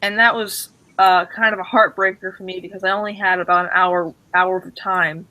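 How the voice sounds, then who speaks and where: A man co-hosting a stream, telling a casual story with many restarts and fillers, and acting out the dialogue with excitement. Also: high voice, normal speed, poor audio. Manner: acts out quoted dialogue excitedly. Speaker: stream co-host.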